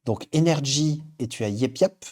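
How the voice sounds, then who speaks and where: A man chats casually as the host of a live stream. His voice is warm and mellow, and he keeps things relaxed and friendly, reading out viewer names and filling pauses with frequent hesitations. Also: mid-range voice. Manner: chatty, reads viewer names aloud, frequent fillers. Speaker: livestream host. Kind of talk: casual livestream chat.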